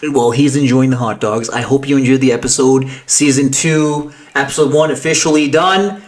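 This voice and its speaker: A man's voice: medium pitch, fairly even intonation, moderate pace. A man co-hosting a podcast, joking around and laughing a lot. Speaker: podcast co-host. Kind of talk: casual podcast chat.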